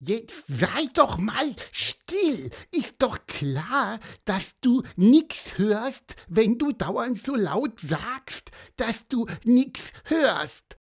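A storyteller voicing a small, excitable, nosy bird with a high, squeaky voice. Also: drawn-out words, hardly any pauses, slightly rough, heavily acted. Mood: hushing.

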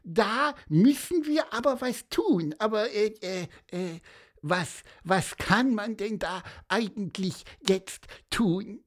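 An excitable little male bird chirps high and stammers through his words, as a man puts him on in a storybook reading. His voice leaps about in a lively sing-song and moves slowly. It sounds faintly husky underneath. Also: exaggerated voice. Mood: eager.

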